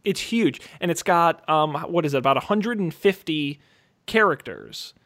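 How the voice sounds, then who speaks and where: A man with a slightly high-pitched voice co-hosts a casual podcast. He speaks informally and with enthusiasm, like someone pitching a favorite gadget to his friends. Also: animated, normal speed, fairly bright tone. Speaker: podcast co-host.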